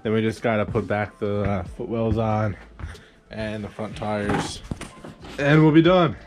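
A man's voice: lowish voice, unhurried, a little hiss or hum. A man in his thirties from Newfoundland, hosting a casual shop vlog with laid-back, joking banter in a small garage workshop. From Newfoundland, Canada. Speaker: vlog host.

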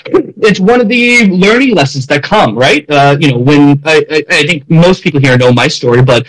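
A man's voice: fairly high pitch, lively intonation, normal speed, a bit bright, poor audio. A man, a crypto project founder, talking in a friendly, self-deprecating way in a casual online audio chat.

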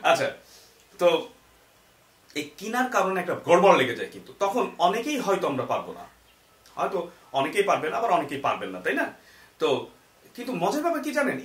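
A man's voice: high-pitched, a bit bright, echoey room. A man with a Bangladeshi accent, teaching a comic English lesson to a live audience and laughing as he leads chanted drills. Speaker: English language trainer.

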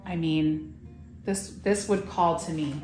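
A woman's voice: sits low, fairly even intonation, slow, darkish tone, reverberant, soft background music. A woman in her thirties hosting a casual product showcase in a shop, talking enthusiastically with lots of fillers. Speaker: shop host presenting items for sale. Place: indoor shop room full of farmhouse decor.

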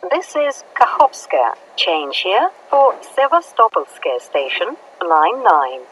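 A woman giving slow, formal recorded station announcements over a metro train intercom. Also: medium pitch, very animated, fairly bright tone, distant mic, slight background noise, low-quality recording.

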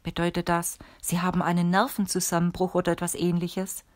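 A woman's voice: on the low side, completely flat delivery, fairly quick, no room sound, natural voice. A woman reading the lines of an anxious young male apprentice, pleading and questioning, in an audiobook.

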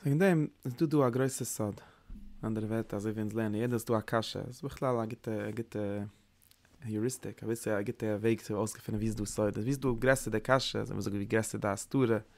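A man giving a Kabbalah lesson as a Torah teacher, speaking haltingly and often repeating words and restarting phrases. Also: fairly low pitch, fairly even intonation, gravelly, a little mellow.

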